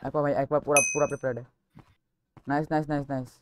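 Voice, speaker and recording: A man gaming with a teammate who gets excited and panics in fights. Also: a little high, fast talker. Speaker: gamer. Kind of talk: casual gaming chat with a teammate. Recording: noisy, with mouse clicks behind.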